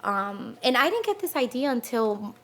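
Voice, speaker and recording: A young woman from New Jersey, a guest on a podcast, telling stories about her clothing business in a chatty, animated way with quoted asides. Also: a little high, normal speed. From New Jersey, USA. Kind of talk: casual interview chat.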